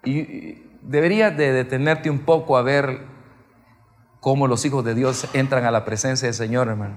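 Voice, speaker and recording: A man preaching a sermon, telling stories with emphasis and swinging from soft to loud. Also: medium pitch, steady tone, normal speed, in a large hall.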